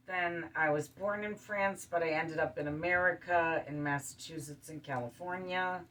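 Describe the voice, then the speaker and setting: Low-voiced, slow-talking woman host. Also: far from the mic. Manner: calm, listing things one by one. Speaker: show host. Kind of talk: casual spoken monologue. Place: studio.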